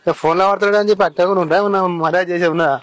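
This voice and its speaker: Man playing a grumbling entitled son, rapid. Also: high voice, steady tone, a little hiss or hum, close to an everyday voice. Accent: Telangana Telugu. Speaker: actor.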